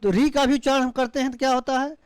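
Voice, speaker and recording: Male teacher, smooth clear voice, dry sound; slow demonstrations of drawn-out vowels. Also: very high voice, steady tone, no room sound. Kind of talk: classroom lecture.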